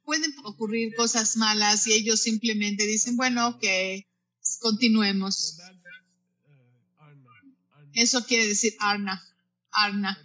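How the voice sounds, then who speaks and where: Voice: medium pitch, fairly even intonation, slow pace, long pauses, pushed and bright, rough recording. A Buddhist teacher giving a spoken lesson, often repeating and restarting words mid-phrase and turning to the listeners with direct questions and asides.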